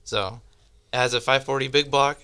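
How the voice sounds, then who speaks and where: A man's voice: medium pitch, fairly even intonation, normal speed, sharp tone, clear, resonant tone. A young man guesting on a radio show, hesitant, with lots of fillers and short answers. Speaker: guest, amateur racer. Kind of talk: casual radio interview.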